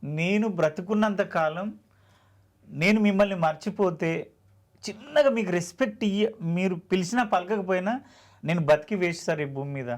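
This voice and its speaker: A man's voice: high voice, normal speed. A man with a Telangana Telugu accent, an actor guest telling his story in an earnest, heartfelt, plainspoken way. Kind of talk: emotional storytelling interview.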